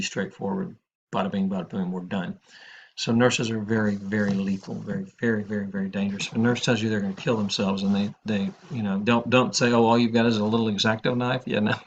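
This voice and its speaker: A man's voice: fairly low pitch, creaky, slight background noise. A middle-aged man teaching a crisis counseling class, talking informally with many fillers and restarts. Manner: rambling, many fillers and restarts, frank anecdotes. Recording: dull lo-fi classroom recording.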